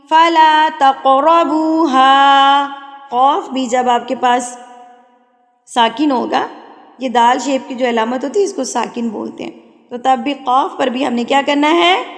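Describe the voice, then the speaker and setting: A woman with a Pakistani Urdu accent teaching Quran recitation, chanting verses slowly and melodically, then explaining the rules briskly. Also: high-pitched, big-room sound, faint music behind. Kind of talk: tajweed lesson alternating slow recitation and explanation.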